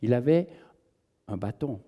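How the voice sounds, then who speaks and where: A man preaching a sermon in a conversational, animated storytelling manner, asking his listeners questions. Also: mid-range voice, measured pace, highs cut off.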